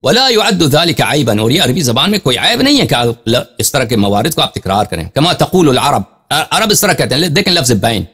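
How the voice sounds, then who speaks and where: A male religious scholar giving a Quran commentary lecture, reading Arabic passages slowly and explaining them, repeating phrases for emphasis. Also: mid-range voice, very animated, fairly bright tone, slightly rough.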